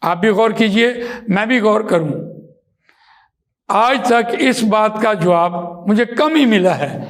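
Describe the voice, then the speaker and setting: A man with a high voice teaches how to recite the Quran. He explains things patiently and repeats his points with examples. He draws out vowels and Arabic words slowly to show how they should sound. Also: expressive. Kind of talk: slow explanatory lesson.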